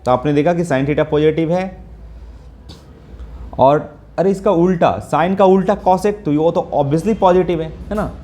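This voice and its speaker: Mellow-voiced man teaching a math lesson. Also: a little high, a little slow. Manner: explains step by step, often checking in with listeners; mixes English math terms into Hindi. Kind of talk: Hindi math lesson with whiteboard.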